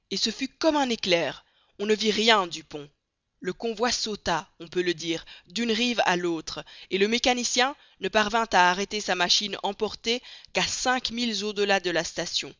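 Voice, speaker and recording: A narrator reading a classic novel aloud in a measured, clear storytelling manner. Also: medium pitch, bright, forceful tone, dry recording. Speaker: audiobook narrator. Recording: dry, dull lo-fi read.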